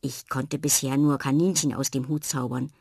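A friendly old male magician from a storybook, voiced by a woman narrator. He welcomes guests in a gentle, low voice with a husky grain, recorded close and dry. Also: flat delivery, moderate pace, no room sound, exaggerated voice. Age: older.

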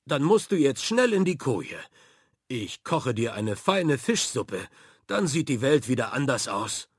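Brief: a boisterous sea-captain father in a children's audiobook, voiced by a man, hearty and slow-spoken, with a dry, close sound. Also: medium pitch, big pitch swings, husky, no room sound. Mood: caring. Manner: hearty, exclamatory.

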